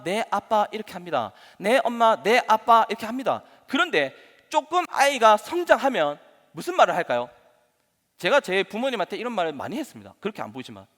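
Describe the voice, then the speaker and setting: Lively high-voiced male pastor preaching. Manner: animated, asks the congregation rhetorical questions; acts out quoted voices with laughs. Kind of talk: sermon at a Wednesday service. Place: church sanctuary. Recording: long hall reverb in a church.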